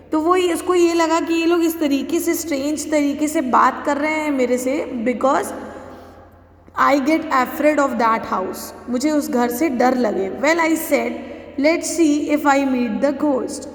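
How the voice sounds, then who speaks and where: A woman teacher with an Indian English accent who reads a story line by line, explains it while switching between English and Hindi, and keeps asking "okay?". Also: high voice. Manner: checks understanding with frequent "okay?". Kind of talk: classroom lesson reading and explaining a story. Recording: echoey room with long reverb.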